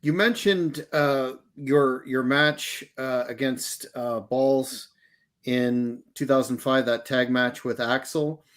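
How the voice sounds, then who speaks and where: Halting male interviewer. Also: medium pitch, steady tone, fairly bright tone. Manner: hesitant, many uh fillers. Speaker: interviewer, host. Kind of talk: interview questions.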